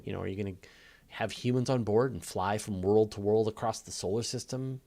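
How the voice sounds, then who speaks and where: Here the live astronomy Q&A host sounds gravelly and mellow, with a lowish voice moving a little fast. He's emphatic and conversational, improvising explanations that lean on repetition and familiar comparisons.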